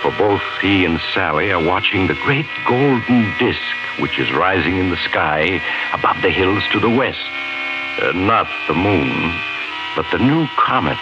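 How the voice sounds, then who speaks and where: An actor playing a mysterious storyteller host, narrating 1950s radio suspense in a theatrical, deliberate, ominous way. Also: male voice, sits low. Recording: muffled 1950s radio with loud music.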